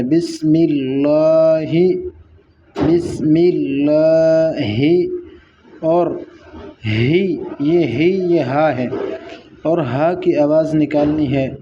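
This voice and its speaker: A man's voice: fairly high pitch, mellow. A man teaching a Quran recitation lesson, patiently repeating each sound and stretching out the recited words to demonstrate them. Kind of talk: tajweed lesson, explaining and reciting. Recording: dull lo-fi sound with faint background noise.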